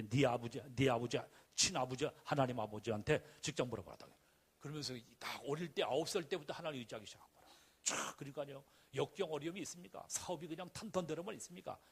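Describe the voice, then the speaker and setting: Husky-voiced Korean male pastor preaching. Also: medium pitch. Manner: emphatic preaching with repeated calls and rhetorical questions. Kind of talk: sermon.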